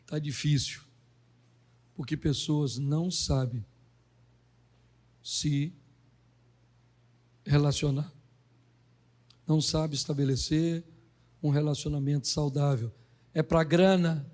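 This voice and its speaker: A middle-aged man, a pastor, preaching a humorous sermon and acting out dialogue in quick, animated voices. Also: fairly high pitch.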